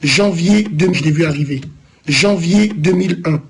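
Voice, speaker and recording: A man's voice: fairly high pitch, normal speed, vocal fry, a little hiss or hum. A man from Lyon, France, streaming live, answering viewers in a loose, rambling, teasing way full of street slang. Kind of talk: casual live-stream chat.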